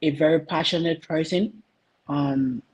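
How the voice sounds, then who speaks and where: A man from Liberia answering interview questions earnestly, pausing often with ums while he searches for words. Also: on the high side, steady tone, slightly rough, low-quality recording. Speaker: guest, youth association vice president.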